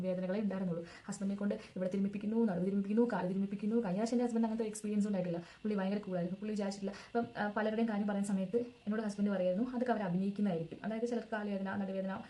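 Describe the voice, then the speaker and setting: A woman's voice: medium pitch, steady tone, racing, few pauses, dark tone. A young woman casually telling her own story as a vlogger, in a chatty, rambling way that backtracks to add details.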